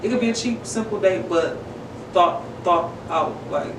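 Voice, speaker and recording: A woman's voice: fairly low pitch, moderate pace, background noise. A woman in her twenties, a podcast guest, talking casually and bluntly with sassy emphasis. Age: 20s. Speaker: guest, host's cousin. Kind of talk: casual chat. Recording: roomy room, mic at a distance.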